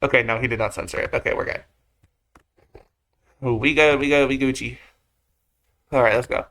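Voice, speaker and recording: As a video host, a man offers rambling, casual reaction commentary in a medium-pitched, slightly bright voice with a steady tone and moderate pace. Slang and mild swearing pepper his speech. Behind him is music or drone from the video being watched.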